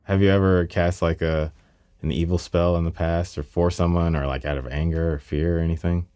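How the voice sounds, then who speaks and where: A man's voice: low voice, steady tone, a little fast, mellow, clean tone, no room sound. A man from North Carolina hosting a narrated documentary podcast, telling it with wry, self-deprecating humor. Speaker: podcast host.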